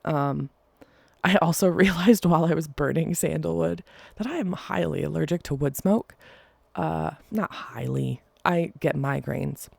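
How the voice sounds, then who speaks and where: A solo podcaster at home chats casually at a measured pace, wandering off into playful asides. The mid-range voice is nasal and congested with vocal fry, recorded without echo.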